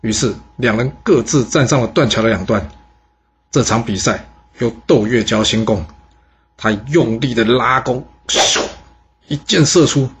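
A man narrating a history story in a lively, animated way. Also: mid-range voice, moderate pace, a little hiss or hum. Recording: dull lo-fi recording.

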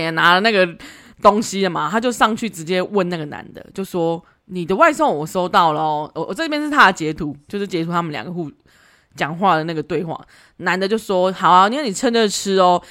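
A woman hosting a podcast, telling a story casually, animated and laughing often. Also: medium pitch. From Taiwan. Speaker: podcast host.

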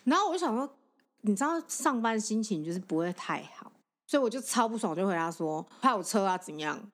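A woman with a Taiwanese Mandarin accent, co-hosting a podcast in casual chat and telling stories with quick laughs. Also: medium pitch. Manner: animated storytelling, quick laughs. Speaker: podcast co-host.

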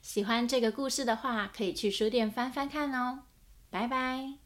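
一位女性为孩子们朗读绘本，讲得温和缓慢。. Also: female voice, fairly high pitch, steady tone. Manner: slow, gentle storytelling. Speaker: storyteller for children. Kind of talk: picture-book reading.

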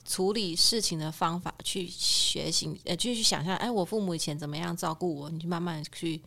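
Woman, lowish voice, talks fast, thinking out loud on a podcast. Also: creaky. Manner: reflective, thinks aloud. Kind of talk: casual chat.

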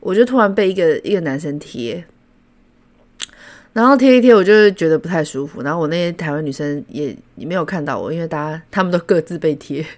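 A woman from Taiwan with a Taiwanese Mandarin accent, hosting a podcast and telling stories in a casual, animated way, laughing often. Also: deep voice, brisk. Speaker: podcast host. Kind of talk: casual storytelling.

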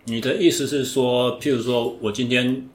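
A man's voice: mid-range voice, steady tone, normal speed. A man hosting a podcast interview, agreeably summing up his guest's points. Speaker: podcast host. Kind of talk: casual interview chat. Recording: roomy echo.

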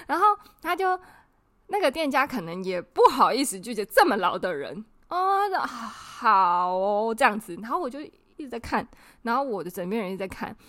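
A woman, co-hosting a podcast and telling a story in an indignant, animated way, acting out the people she quotes. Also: a little high, normal speed, no room sound, clean studio sound. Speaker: podcast co-host. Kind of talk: casual storytelling chat.

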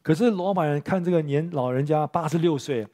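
A pastor preaching a sermon in church, telling a story with rhetorical questions to the congregation. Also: male voice, a little high, brisk, mellow.

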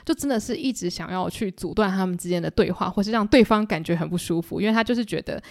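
A woman hosting a podcast, casually retelling a novel in a chatty, animated way. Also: medium pitch, fast talker, gravelly, no room sound, studio quality. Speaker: podcast host. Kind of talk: casual book-club retelling.

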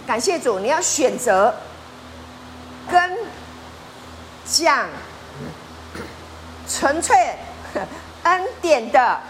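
A woman's voice: sits high, very slow, pauses often, slight background noise. A woman pastor preaching a sermon, often asking her listeners questions. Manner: lively, asks the congregation questions.

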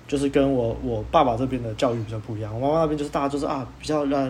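Fast-talking young man. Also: medium pitch, a little hiss or hum. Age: young adult. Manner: animated, laughs through his story. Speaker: podcast host. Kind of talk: casual storytelling chat.

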